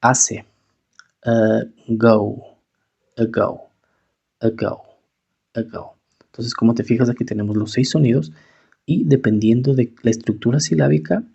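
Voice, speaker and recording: A man teaching English pronunciation, slowly repeating each word several times. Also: medium pitch, gravelly, warm tone, slightly rough. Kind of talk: pronunciation lesson. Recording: dull, lo-fi recording.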